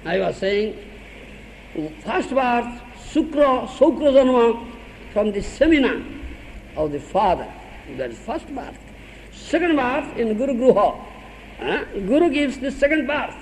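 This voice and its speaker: A man's voice: extremely high pitch, sing-song, a little slow, in a large hall, slight background noise, poor audio. An older man with an Odia accent, a spiritual teacher giving a sermon, laughing often and questioning his listeners.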